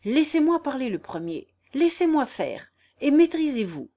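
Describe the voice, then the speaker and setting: Steady composed gentleman, firm and in control, read out by a woman. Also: high-pitched, moderate pace, voice pushed up. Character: calm, resolute older gentleman.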